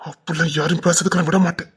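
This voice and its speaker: A man playing a husky young village lover. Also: a little high, flat delivery, racing. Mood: protective. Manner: rough, protective, teasing. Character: protective young village man, affectionate and hot-tempered. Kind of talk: web series drama acting.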